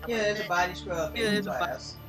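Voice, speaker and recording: A man's voice: high voice, lively intonation, moderate pace. A man chatting casually on a live stream, telling rambling stories and laughing often. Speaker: stream co-host. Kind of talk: casual chat. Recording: echoey room with music behind.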